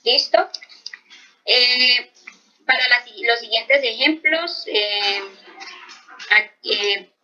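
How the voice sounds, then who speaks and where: A woman's voice: a little high, very slow, pauses often, pushed and bright, rough recording. A woman teaching French grammar to Spanish speakers, explaining patiently and checking in often. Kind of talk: slow explanatory language lesson.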